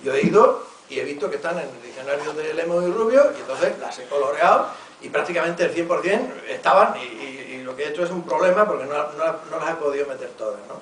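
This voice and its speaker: A man's voice: on the high side, lively intonation, fast talker. A man with a Murcian accent giving a conference lecture, reading word lists aloud and stopping to enunciate each example. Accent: Murcian Spanish. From Murcia region, Spain. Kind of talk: academic conference talk. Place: university lecture hall. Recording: echoey hall, voice from far off.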